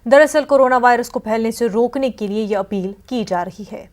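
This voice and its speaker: A woman news anchor presenting in a crisp, formal news delivery. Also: fairly high pitch.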